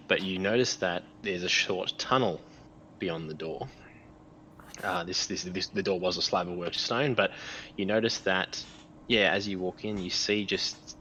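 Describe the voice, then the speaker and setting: A man improvising narration as game master of a tabletop game, halting and repeating phrases as he describes scenes. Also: low voice, pushed and bright, lo-fi sound, slight background noise.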